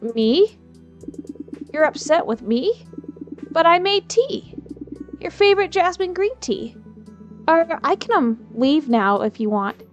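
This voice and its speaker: A woman voicing a gentle, easygoing elderly grandfather in a story game, speaking slowly and softly. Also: high-pitched, very animated, lo-fi sound, faint music behind, pitched above the performer's own voice, exaggerated voice.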